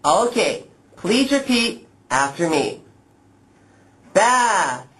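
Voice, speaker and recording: Guy teaching pronunciation, really slow exaggerated speech, voice goes up and down a lot. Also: sits high, big pitch swings. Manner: slow, exaggerated speech modeling, deliberate and instructional. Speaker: pronunciation teacher, lesson host. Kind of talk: instructional lesson to camera, addressing learners.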